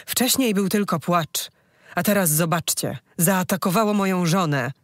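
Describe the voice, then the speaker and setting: The audiobook reader voicing a peasant husband who shouts accusations. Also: mid-range voice, moderate pace, dry recording, clean studio sound, lightly acted. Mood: angry.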